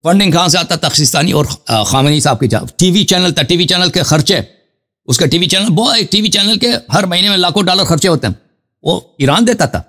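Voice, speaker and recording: A man gives a fervent religious talk in a fairly high voice. His pitch leaps up and down as he drives each point home. He repeats himself for emphasis and calls out to his listeners as brothers. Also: animated, pushed and bright. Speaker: Shia cleric answering a question.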